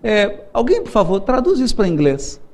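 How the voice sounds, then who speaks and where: This middle-aged spiritist lecturer, whose accent is Brazilian Portuguese, has a high-pitched, slightly mellow voice with huge pitch swings and a moderate pace. In his seminar he tells playful stories, laughs a lot, and imitates the voices he quotes.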